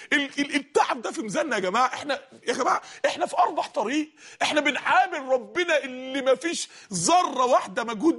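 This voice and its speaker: A man preaching a fervent sermon in an Egyptian Arabic accent, exhorting his listeners and sometimes shouting. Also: extremely high pitch. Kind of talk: impassioned sermon.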